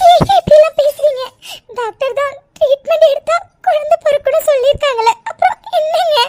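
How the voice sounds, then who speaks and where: A woman's voice: very high-pitched, fairly quick, very noisy. A woman voicing a young married woman in a cartoon serial, sobbing and pleading. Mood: tearful pleading.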